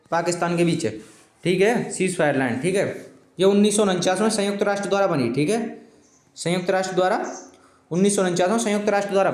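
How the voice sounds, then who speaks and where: Male coaching teacher, high-pitched, roomy echo, repetitive and chatty delivery. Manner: repetitive, keeps saying "okay friends"; pleading with viewers, informal. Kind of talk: exam coaching lesson.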